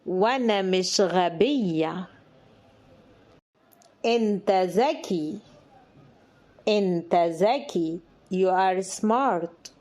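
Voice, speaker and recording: A woman with an Egyptian Arabic accent who teaches the language, saying each phrase slowly twice and then giving it in English. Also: fairly low pitch, a little mellow. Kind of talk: slow phrase drill for learners.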